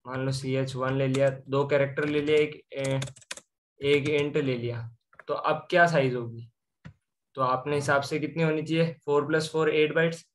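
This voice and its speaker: A man's voice: medium pitch, level tone, moderate pace. A young man explaining programming step by step, asking and answering his own questions as he walks through examples. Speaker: programming tutor. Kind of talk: screen-share coding lesson.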